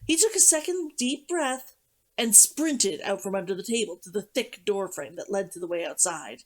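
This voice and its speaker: A woman reading a novel aloud as a streamer, narrating in an expressive, dramatic storytelling manner. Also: on the high side. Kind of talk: audiobook-style story narration.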